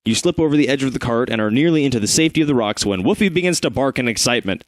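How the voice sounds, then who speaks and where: A man narrates an adventure gamebook for his friends, breaking off for casual asides and quick corrections. His voice sits at a middle pitch and the recording is dry and close. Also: animated, no room sound. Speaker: host and narrator. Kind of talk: reading an adventure book aloud.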